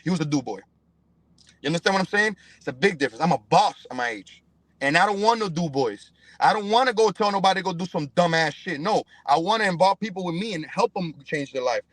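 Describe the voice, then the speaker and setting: A young Cuban fighter with a voice that sits high is recorded dry while appearing on a podcast. Casual and profane, he hammers his points home and keeps checking in with "bro" and "you know what I'm saying."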